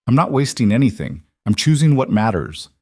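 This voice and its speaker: A man voicing a quiet, grounded single father who speaks calmly and firmly. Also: mid-range voice, brisk, no room sound, studio quality.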